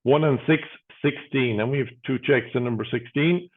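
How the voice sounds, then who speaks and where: Male bingo caller on a phone-like line. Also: medium pitch. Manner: formulaic, measured announcing. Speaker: bingo caller, host of an online bingo game. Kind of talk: bingo calling, numbers announced digit by digit with traditional nicknames. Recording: narrow phone-like sound.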